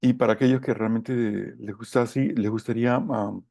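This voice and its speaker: A middle-aged man giving a technical lecture from slides, speaking haltingly as he searches for his words. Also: mid-range voice, steady tone, gravelly, warm tone, no echo, studio quality. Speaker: course lecturer.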